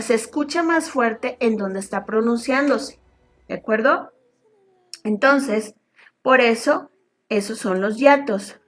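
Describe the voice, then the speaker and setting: A woman teacher from Mexico giving a recorded online lesson, explaining slowly and often checking with her students. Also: sits high. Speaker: high school teacher. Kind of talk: online class lecture.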